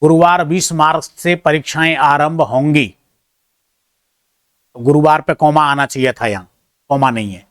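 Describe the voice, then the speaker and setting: A man's voice: fairly high pitch, normal speed, pauses often, no room sound, clean studio sound. A male teacher working through an exam answer key, reading each question aloud and checking the options one by one, with chatty, self-deprecating asides to his students.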